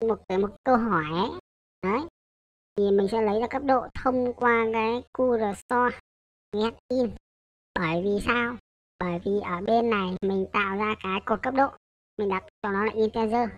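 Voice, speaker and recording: A muffled recording captures a woman whose voice is on the high side. She leads an informal coding tutorial in a hesitant, loose manner, catching and correcting herself while continually checking in with her audience.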